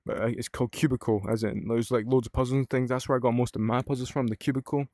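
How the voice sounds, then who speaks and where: A man's voice: medium pitch, fairly even intonation, fast, mellow, no echo, clean studio sound. A young British man from the UK chatting casually in a rambling vlog, swearing freely and using lots of fillers. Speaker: vlogger.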